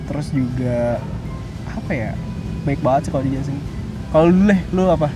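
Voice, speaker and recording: A 21-year-old man, being interviewed and chatting casually, pausing often to search for words. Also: mid-range voice, music in the background. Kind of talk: casual chat.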